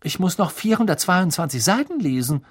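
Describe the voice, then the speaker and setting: A man voicing an earnest, bookish teenage schoolgirl in an audiobook reading, with a raised, hurried and insistent voice. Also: sits high, very animated, husky, voice pushed up, heavily acted.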